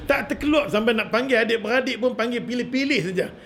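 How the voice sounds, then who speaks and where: A middle-aged man with a northern Malaysian Malay accent, giving a religious lecture as an animated storyteller who chuckles and keeps asking the audience rhetorical questions. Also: very high-pitched, fast talker, slight background noise. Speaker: religious teacher.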